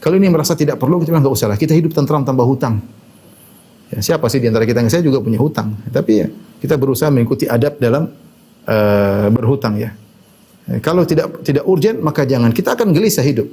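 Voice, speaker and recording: Speaking at a quick, animated pace, a man with a medium-pitched, warm, husky voice preaches Islam in a chatty lecture style. Frequent "ya" fillers punctuate his talk, along with quoted Arabic hadith.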